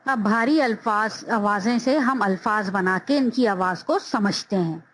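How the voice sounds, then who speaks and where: A woman's voice: medium pitch, measured pace, a bit bright, poor audio. A woman teaching a phonics lesson, drawing out each syllable with careful enunciation.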